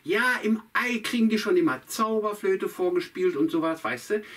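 A man voicing Hannes, an eager, excitable young farm-boy puppet with a high, fussy voice in a puppet show. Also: normal speed. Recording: distant mic, faint guitar music.

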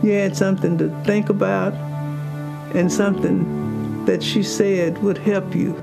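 An older woman, a longtime salon client, recalling the past in an unhurried, heartfelt way. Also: mid-range voice, flat delivery, vocal fry, loud music behind the voice. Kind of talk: interview, reminiscing.

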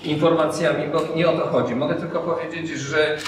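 A man's voice: a little high, little pitch movement, brisk. Masked man speaking in an echoey room. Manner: hesitant, many filler sounds. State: talking through a surgical mask. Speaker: hospital representative. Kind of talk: speech at a press event. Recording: echoey room, far from mic, audible background noise.

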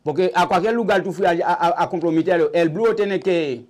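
Older Haitian-accented man, high-pitched, halting and repetitive; vodou priest being interviewed. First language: Haitian Creole. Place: small indoor shrine room.

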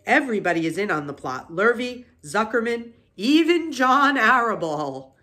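A woman's voice: fairly high pitch, sing-song, normal speed, bright, forceful tone, pitched above the performer's own voice. A woman voicing a blunt, gossipy old female sheep with an emphatic, snappish delivery in a children's storybook. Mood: grim relish.

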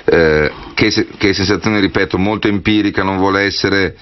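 Man, radio host, very low voice, long rambling questions, dull lo-fi broadcast sound. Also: steady tone, normal speed. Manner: long, winding questions with many asides. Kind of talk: radio interview.

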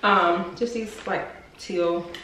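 Young woman, casual haul vlog, chatty and upbeat, echoey room, clear background noise. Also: on the low side, steady tone, slow, a bit bright. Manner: chatty, upbeat, addresses viewers as y'all. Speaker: vlogger. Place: room in a house under renovation. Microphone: camera on a desk in front of her.

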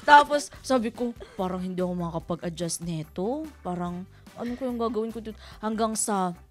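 A woman from the Philippines, a radio co-host, telling stories in lively casual chat and laughing often. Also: medium pitch, a little fast, faint music behind. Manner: animated storytelling, laughing often.

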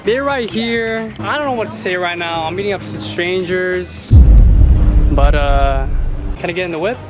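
A man's voice: high-pitched, moderate pace, over loud music. A young man filming a laid-back, slangy vlog on a handheld phone, outdoors in the heat and then in a car, saying he feels nervous. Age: young adult. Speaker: vlogger. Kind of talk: casual vlog chat. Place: outdoors on a hot street, then in a car's back seat. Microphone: handheld phone camera.

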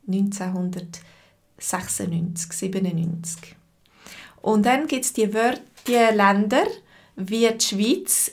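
Swiss woman teacher, mid-pitch, talks very slowly and patiently, webcam at home. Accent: Swiss German. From Switzerland. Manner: slow, patient, repeats phrases and answers chat viewers by name. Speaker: language teacher. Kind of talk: live-stream language lesson.

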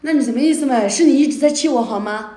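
A woman's voice: high-pitched, quick pace, warm tone. A woman livestreaming at night, arguing indignantly, scolding and repeating herself. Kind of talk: heated argument on a livestream. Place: indoor room at night. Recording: echoey room.

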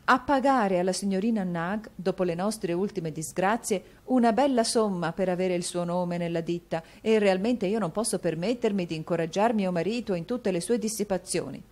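A woman's voice: mid-range voice, normal speed, few pauses, a little mellow, voice pushed up, natural voice. A woman voicing a firm, formal middle-aged wife who sets her husband's allowance. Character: stern but doting wife, dressmaker, middle-aged.

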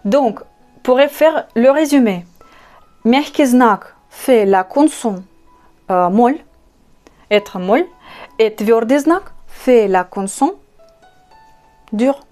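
Slow, patient woman with a Russian accent. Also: fairly high pitch, expressive, warm tone, faint music behind. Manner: slow and patient, spells out letters and repeats each word. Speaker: language teacher. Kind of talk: online language lesson.

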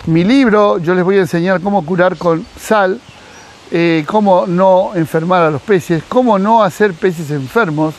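A middle-aged fish breeder from Mar del Plata, Argentina, with an Argentine Spanish accent, gives casual advice outdoors in a sunny garden by a pool, gesturing animatedly and acting out quoted dialogue. His voice sits high at a measured pace, caught by a close-range camera with a little hiss or hum.

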